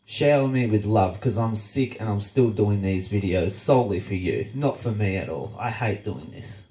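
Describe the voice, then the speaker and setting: An Australian show host with a lowish, mellow voice delivers a blunt, sarcastic, swearing-filled rant at a moderate pace. His nose is blocked, leaving him congested and nasal. The room around him is echoey.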